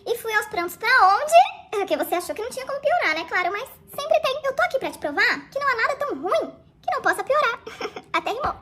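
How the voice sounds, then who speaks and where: A woman's voice: extremely high pitch, very animated, fast, background noise. A young woman telling a comic first-person story in a dramatic, slangy, exaggerated way.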